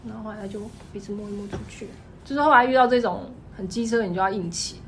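A woman with a Taiwanese Mandarin accent, a clothing shop owner telling stories in an animated, emphatic way. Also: mid-range voice, slight background noise. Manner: animated, fast-talking, emphatic. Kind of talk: casual storytelling chat.

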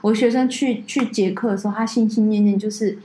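A woman co-hosting a podcast, telling stories in a casual, animated way and mimicking people in a high voice. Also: fast, echoey room, a little hiss or hum, poor audio. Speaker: podcast co-host. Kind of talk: casual chat.

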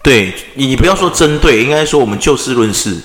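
Fast, excitable man in an echoey room. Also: mid-range voice, over a noisy crowd. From Taiwan. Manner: animated, swears a lot, acts out quarrels loudly. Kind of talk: casual chat. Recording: echoey room with long reverb.

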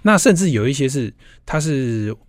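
A younger man with a Taiwanese Mandarin accent, a doctor guest on a radio show, explaining things in a measured, lecturing way. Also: mid-range voice, big pitch swings. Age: young adult. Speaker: guest, doctor and book reviewer. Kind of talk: explanatory interview talk.

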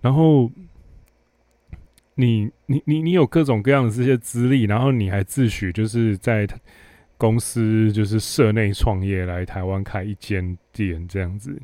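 A man's voice: fairly low pitch, fairly even intonation, a little slow, warm tone, no room sound. A man with a Taiwanese Mandarin accent hosting a podcast, telling a work story in a blunt, sarcastic, casual monologue. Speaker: podcast host.

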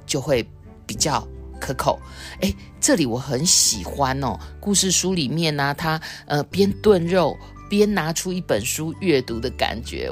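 A woman hosting a podcast, presenting a picture book and retelling its story in an expressive, animated way. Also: low-pitched. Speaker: podcast host.

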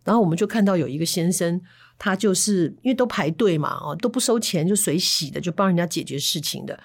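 A woman from Taiwan, hosting a storytelling podcast in a chatty, animated way with Hokkien asides. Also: lowish voice, fast, slightly rough. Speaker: podcast host.

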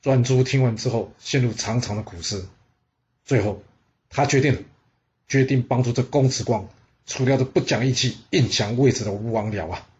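Man storyteller, history narration, conversational, mid pitch, slightly dull lo-fi. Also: normal speed, a little mellow.

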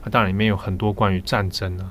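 A man with a Taiwanese Mandarin accent, hosting a podcast and telling stories in a relaxed, chatty way. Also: lowish voice, rapid-fire, a little hiss or hum. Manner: chatty storytelling, laughs easily. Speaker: podcast host. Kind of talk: casual chat.

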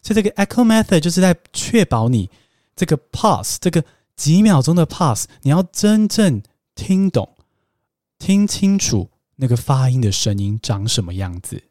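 A man hosts a podcast lesson on English pronunciation, explaining patiently and slowing down for emphatic asides. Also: a little high, sing-song, warm tone, no echo, studio quality. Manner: patient and coaxing, drops to slow emphatic asides.

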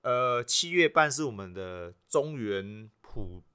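A man's voice: medium pitch, expressive, takes it slowly, bright, forceful tone, smooth. A man with a Taiwanese accent hosting a casual podcast and explaining local sayings, agreeable and often repeating short phrases. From rural western Taiwan. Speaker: podcast host.

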